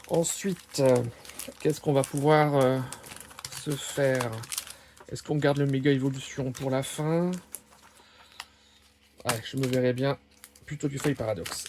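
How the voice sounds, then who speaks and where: A man's voice: medium pitch, darkish tone, slight background noise. A man opening trading card packs and chatting casually, reading out each card name as he goes. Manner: slow, musing, lists card names one by one. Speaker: card-opening video host. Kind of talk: casual unboxing commentary. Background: crinkling card wrappers.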